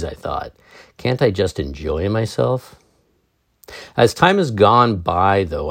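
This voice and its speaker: Calm, low-voiced man reading on meditation. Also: no echo, studio quality. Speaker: meditation podcast host. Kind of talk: reading an article aloud, then commenting.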